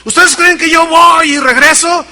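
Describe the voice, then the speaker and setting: A man's voice: very high voice, expressive, measured pace, bright, forceful tone, big-room sound, pitched above the performer's own voice, full character voice. A preacher voicing a showman tightrope walker who challenges a crowd. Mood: challenging. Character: boastful tightrope walker, adult man.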